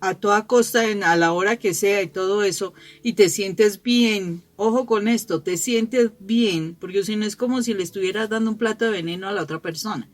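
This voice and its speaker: A woman's voice: medium pitch, moderate pace, hardly any pauses, no room sound, soft background music. A middle-aged woman gives a conversational gospel reflection for families. She tells personal stories, laughs often and restarts her phrases as she goes. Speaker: lay speaker giving a family gospel reflection.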